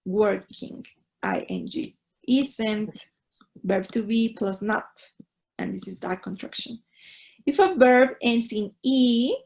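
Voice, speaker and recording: A woman teacher with a Mexican Spanish accent talks students patiently through grammar, one step at a time. Her voice sits a little high and has a gravelly edge. She speaks slowly and checks in with the class often. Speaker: English teacher. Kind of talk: online class, reading and explaining in two languages.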